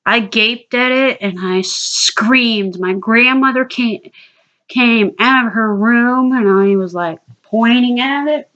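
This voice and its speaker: A woman's voice: fairly high pitch, takes it slowly, fairly bright tone, muffled recording. Woman telling a rambling, cursing story. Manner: swears freely, rambling and restarting. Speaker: vlogger. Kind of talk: casual storytelling.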